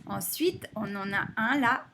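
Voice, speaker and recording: Slow, lively woman teaching phonics. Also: on the high side. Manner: slow and deliberate, stretching and clapping out words syllable by syllable. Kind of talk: phonics lesson for young children.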